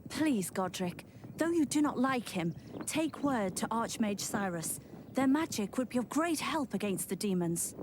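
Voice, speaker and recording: A woman's voice: a little high, expressive, unhurried, background noise. An actress playing a resolute young queen who leads her troops, speaking proudly and decisively. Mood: urgent. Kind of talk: video game cutscene voice acting. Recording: game audio with loud music.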